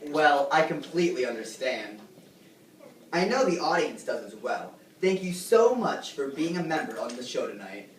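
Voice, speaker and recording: A woman's voice: a bass voice, very animated, normal speed. A teenage girl playing a showy talk-show host who gushes and fawns over her guests. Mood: gushing. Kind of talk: amateur talk-show skit. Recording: echoey room, distant mic, faint noise.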